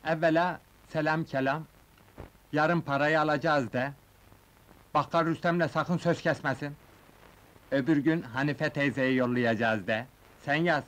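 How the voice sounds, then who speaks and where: A simple-minded young villager from an old film comedy, with a voice that sits a little high and words that come slowly. He talks in a rustic, artless way, stumbling over himself. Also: fairly even intonation, fairly bright tone, rough recording. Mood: earnest. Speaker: comic lead. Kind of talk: 1970s film comedy acting.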